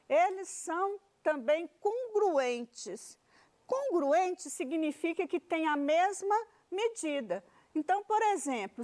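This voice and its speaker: A Brazilian woman teaching a math class for television. Her voice sits high and moves a lot, rising and falling as she talks. She goes slowly and patiently, quizzing the students and checking in with them as she goes. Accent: Brazilian Portuguese. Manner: explains step by step, poses questions, tags phrases with "né?".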